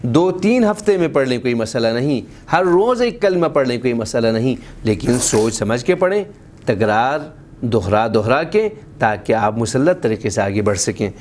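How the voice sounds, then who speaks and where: Male Quran teacher, mid pitch, patient and encouraging, slow drawn-out spelling of sounds, light background hiss. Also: big pitch swings, a little mellow. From Baltistan, Pakistan. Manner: encouraging, praises the pupil often. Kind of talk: step-by-step recitation lesson.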